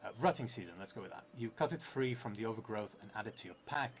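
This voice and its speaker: In a clearly noisy live stream from an indoor theatre room, a man seated at a table narrates a solo tabletop roleplay game, reading prompts with casual asides. His voice is low and he comes from outside England. He talks fast and expressively, yet still sounds hesitant, muttering and thinking aloud.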